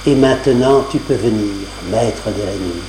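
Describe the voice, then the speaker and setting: A man voicing a wise male flying horse, brisk and instructive, on a roomy cassette recording with a faint hum. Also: on the low side, dark tone, voice pushed down, close to an everyday voice. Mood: instructing.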